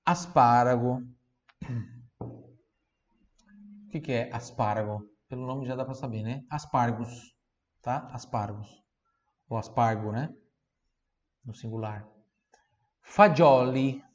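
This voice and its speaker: A man teaching Italian vocabulary, saying each word slowly and asking the listener to repeat it, then explaining quickly in between. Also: mid-range voice, darkish tone, dull audio. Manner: slow, drawn-out model words, quick asides. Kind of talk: language lesson with drills.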